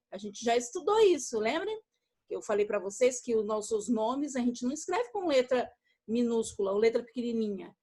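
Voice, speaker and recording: High-voiced Brazilian teacher, patient and affectionate. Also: female voice, darkish tone. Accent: Brazilian Portuguese. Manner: patient, repetitive, checks in with "okay?" after each step; affectionate toward pupils, uses diminutives. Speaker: primary school teacher. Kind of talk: recorded video lesson for young children.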